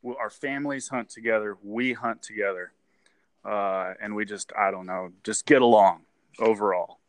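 A man's voice: fairly low pitch, fairly even intonation, moderate pace, dry recording. A man in his forties, a guest on a casual interview, rambling and repeating words, with frequent laughs. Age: 40s.

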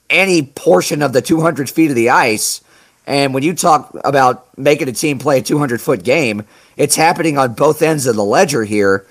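A man co-hosting a hockey talk show, giving long analytical run-on explanations and stretching words for emphasis. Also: mid-range voice. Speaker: sports talk co-host.

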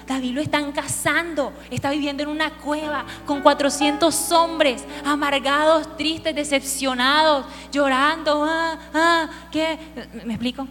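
A woman preaching a sermon, telling a story with lively asides and questions to the audience. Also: high voice, a little slow. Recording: hall reverb with faint music.

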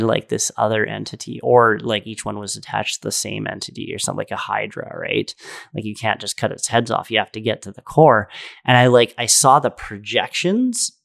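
Gravelly low-voiced man, earnest and rambling. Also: fairly bright tone. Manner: rambling and earnest, full of "like" and "right?". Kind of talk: casual spiritual storytelling.

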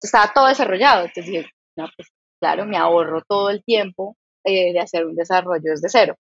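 Animated Colombian woman telling a story. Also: on the low side, fairly quick, slightly rough, no room sound, dull audio. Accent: Colombian, mix of Santander and Bogotá. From Colombia (Bogotá). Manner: animated, quotes herself, laughs often. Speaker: podcast guest, company founder. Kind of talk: casual interview storytelling.

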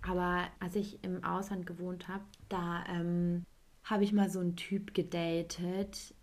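A young woman hosting a podcast, telling a rambling personal story. Her voice sits a little low, and she acts out the other people in the story with quoted lines, keeping the talk loose and chatty. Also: level tone, measured pace, darkish tone. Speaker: podcast host. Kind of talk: casual chat.

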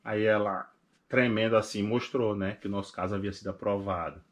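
A young man with a Pernambuco accent, a podcast guest in casual chat, telling his story with animated retellings of past conversations. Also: on the low side, a little fast. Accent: Pernambuco Portuguese. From Recife, northeast Brazil. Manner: animated, acts out past conversations in quoted voices.

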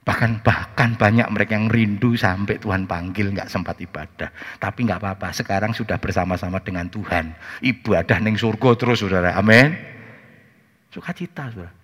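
A male pastor preaching, telling stories in an animated way and often turning to the congregation. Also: on the low side, brisk, breathy edge, in a large hall. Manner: animated, switches into Javanese phrases, often addresses listeners. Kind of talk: sermon with storytelling.

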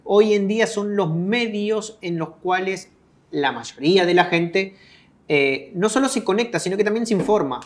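A man's voice: sits high, animated, normal speed. A man in his thirties from Argentina, explaining things casually as a guest expert and checking in with listeners. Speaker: guest, digital marketing expert.

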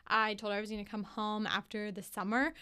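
A woman's voice: mid-range voice, flat delivery, a little fast, bright, forceful tone, clear, resonant tone. A young American woman hosting a casual solo storytelling podcast, chatty and emphatic, swearing freely. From United States. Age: young adult. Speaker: podcast host.

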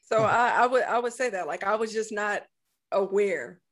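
A woman's voice: mid-range voice, moderate pace, a bit bright. A reserved woman talking casually about herself, in a somewhat hesitant way. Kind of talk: casual conversation.

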